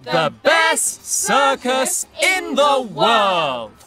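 A man voicing a loud, cheerful circus announcer in a children's cartoon, calling out in a showman's style. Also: huge pitch swings, very slow, over loud music, exaggerated voice. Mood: excited. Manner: booming showman calls.

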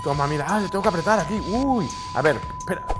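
A man doing excitable gameplay commentary, bursting into shouts and laughs between mumbled asides. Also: sits high, fast. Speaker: gaming video host. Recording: music playing behind.

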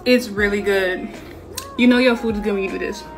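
With music playing behind her, a young woman in her twenties talks through a homemade recipe for her cooking vlog. Her mid-range voice is fairly quick and fairly even in intonation, filler-heavy and casual. The setting goes from a home kitchen to a small, bright bedroom.

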